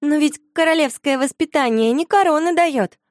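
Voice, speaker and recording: A woman voicing a polite, sensible girl who explains things softly and patiently. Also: high voice, normal speed, dry recording, clean studio sound, pitched above the performer's own voice, close to an everyday voice.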